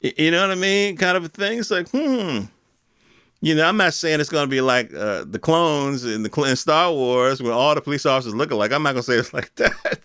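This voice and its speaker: This American man's voice sits on the high side, fairly bright and clean, and he talks fairly quickly. As a podcast host, he improvises a casual opinion monologue full of rhetorical questions, slang, and mimicry of imagined people. The studio sound is clean, with no room sound.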